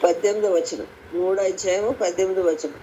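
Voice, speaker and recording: A woman from Andhra Pradesh, India, acting as a lay preacher at a prayer meeting, delivers an informal devotional sermon over a conference call, explaining scripture and repeating phrases for emphasis. Her medium-pitched, mellow voice moves quickly with fairly even intonation. She's heard through a phone on noisy conference call audio.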